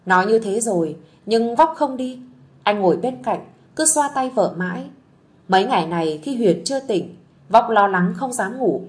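A woman narrating a village story in a gentle, soothing way. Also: on the high side, expressive, moderate pace.

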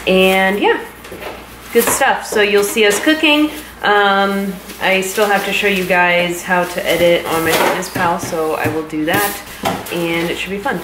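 An American woman in her thirties, a fitness vlogger, chats casually and explains things on camera in her home kitchen. Her mid-range voice has fairly even intonation and a measured pace, and the roomy kitchen recording carries some background noise.

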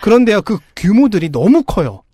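A man's voice: high voice, big pitch swings, moderate pace, warm tone, husky, no echo. A man reading a prepared election rundown on a podcast panel, with dry, wry asides. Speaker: panel reporter. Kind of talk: scripted report read aloud.

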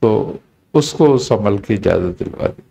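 A man, a spiritual teacher, telling a story in a relaxed conversational talk and acting out the quoted dialogue. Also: fairly low pitch, gravelly, slight background noise. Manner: unhurried, recounting with quoted dialogue.

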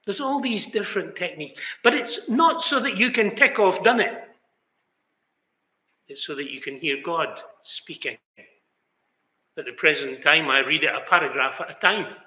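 In a small indoor chapel, banner behind, an older man gives a sermon with earnest emphasis and two-handed gestures. His voice is a little high with a sharp tone, and there's a roomy chapel echo on the recording.

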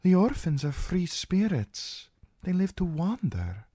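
A man's voice: high voice, big pitch swings, slow, warm tone, husky, no room sound, pitched above the performer's own voice, heavily acted. Man doing a wily young princess, raised voice, coaxing, dry close sound. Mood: confiding. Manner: coaxing, confiding. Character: young scheming princess, woman, persuasive.

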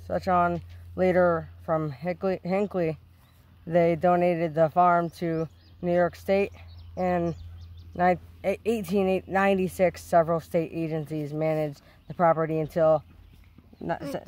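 A man's voice: a little high, a little mellow. Young man stumbling through plaque readings outdoors. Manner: stumbling reading with restarts and self-corrections. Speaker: vlogger exploring a historic site. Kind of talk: casual vlog narration, reading plaques aloud. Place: outdoors on a rural hiking trail.

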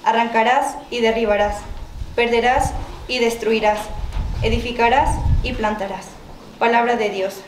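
Woman, Mexican accent, scripture reader, slightly high voice, echoey church, faint noise. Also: fairly even intonation, unhurried. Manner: careful read-aloud delivery with small restarts. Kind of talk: scripture reading. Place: church at a quinceañera mass.

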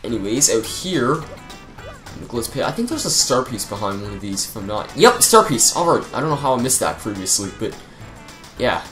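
A man's voice: mid-range voice, big pitch swings, fairly quick, a bit bright. A young man giving casual, rambling commentary over a video game, chatty and full of fillers. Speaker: let's play commentator. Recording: faint game music behind.

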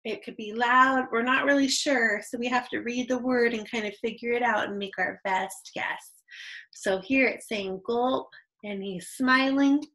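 A woman's voice: a little high, fairly even intonation, unhurried, a bit bright, low-quality recording. A young adult woman teaching an online reading lesson to young children, patient and encouraging, on a computer microphone.

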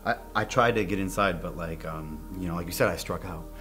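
A man's voice: low voice, a little fast, fairly bright tone, faint music behind. A middle-aged man acting as a nervous, awkward witness under police questioning, hesitant, evasive and rambling. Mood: awkward, sheepish. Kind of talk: naturalistic screen acting, interrogation scene.

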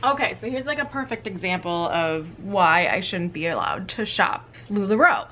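A young woman films a casual closet clean-out vlog in a small walk-in closet, talking to a camera on a tripod a few feet away. Her medium-pitched voice is bright and forceful at a moderate pace, chatty and candid, loaded with "like" and "you know," with slight background noise.

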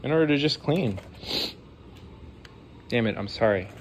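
A man in his forties with a stuffy nose takes a console apart at his desk for a modding vlog, talking enthusiastically and wandering into apologetic tangents. His mid-range voice has lively intonation and a slightly slow pace, with slight background noise.

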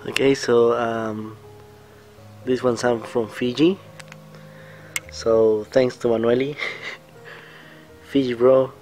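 A young man talks loosely into a close camera mic outdoors, relaxed and rambling, dropping fillers and laughs as he goes. His pitch sits at an ordinary middle height. Soft music plays faintly behind him. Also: takes it slowly, long pauses. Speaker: student vlogger. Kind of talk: casual vlog chat. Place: outdoors beside a building.

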